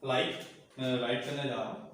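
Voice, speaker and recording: A man's voice: medium pitch, steady tone, brisk, a bit bright, recorded from a distance, slight background noise. A man training teachers in a classroom, explaining methods step by step and repeating key words. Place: classroom with a board. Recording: very echoey room, from off the mic.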